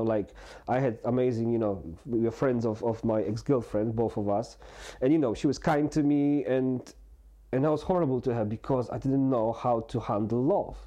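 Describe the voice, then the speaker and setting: Guest in his 40s, mellow voice, halting and candid, lots of restarts. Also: medium pitch. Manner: halting, full of restarts and fillers; earnest and open. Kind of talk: candid personal conversation.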